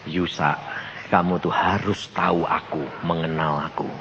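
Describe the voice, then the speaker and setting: A calm, gentle divine voice speaks slowly and softly, far lower than the speaker's own, as an old preacher puts it on. The recording is dull and lo-fi with a faint hiss behind. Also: male voice, vocal fry. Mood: gentle, patient. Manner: slow, soft and low. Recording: dull lo-fi with faint background noise.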